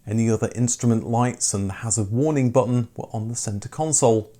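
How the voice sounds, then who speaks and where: A man's voice: medium pitch, a little fast, mellow. A man presenting a scripted documentary as its narrator.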